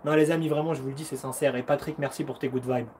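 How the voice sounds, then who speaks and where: A man's voice: medium pitch, steady tone, quick pace, darkish tone, slight background noise. A man in his thirties, a karate fighter and coach hosting a casual live Q&A from home, upbeat and encouraging, chatty with slang, acting out punches and footwork with little sounds. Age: 30s.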